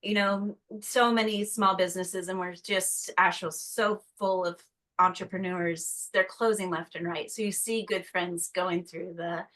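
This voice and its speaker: A woman's voice: fairly low pitch, steady tone, normal speed, fairly bright tone, rough recording. A woman guest from North Carolina in casual conversation, chatty, acting out quotes in a put-on voice. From North Carolina, USA.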